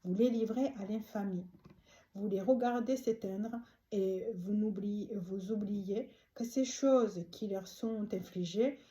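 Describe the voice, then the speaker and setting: A woman from Rwanda delivers a prayer and prophetic address in a very dark, mellow voice. She talks haltingly, with many pauses and fillers, yet stays earnest and pleading throughout. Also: mid-range voice. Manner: halting, with frequent hesitations and fillers. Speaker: speaker delivering a prophetic message.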